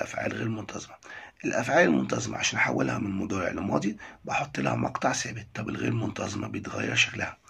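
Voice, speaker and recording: Gravelly Egyptian man teaching English. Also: mid-range voice, sharp tone. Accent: Egyptian Arabic. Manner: repeats each phrase slowly, then quizzes with a question. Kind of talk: bilingual classroom lesson, reading English then translating.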